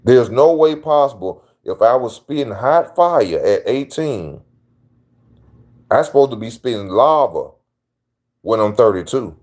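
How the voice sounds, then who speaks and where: A man's voice: medium pitch, animated, unhurried, a little mellow. A man hosting his own channel, giving casual opinion commentary in a slangy, emphatic way that repeats his points. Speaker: channel host.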